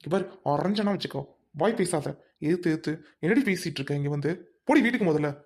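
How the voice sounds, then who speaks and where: A performer acting as a stern older brother who orders his sister to be quiet. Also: on the low side, expressive, fast talker. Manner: commanding, scolding.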